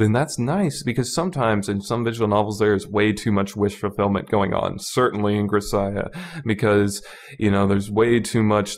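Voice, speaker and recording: A man with a voice on the low side hosts a podcast reviewing a visual novel. He's casual and opinionated, rambling emphatically and repeating his words as he argues his points.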